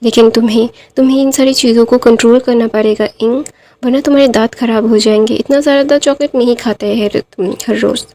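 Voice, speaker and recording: A woman voicing a calm older brother who gently admonishes his little sister. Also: a little high, fairly quick, natural voice. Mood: gentle.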